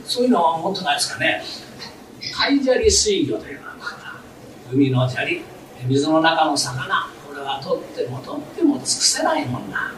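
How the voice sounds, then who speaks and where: A man playing a calm, kindly old neighborhood elder in a comic story, heard from afar in a roomy, noisy hall. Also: fairly high pitch, normal speed, recorded from a distance. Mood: calm, fatherly.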